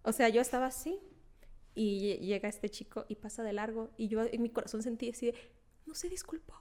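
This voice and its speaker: A young woman hosting a podcast, telling anecdotes in a lively, animated way, acting out quotes and laughing often. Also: fairly high pitch, a little fast. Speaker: podcast host. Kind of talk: casual chat.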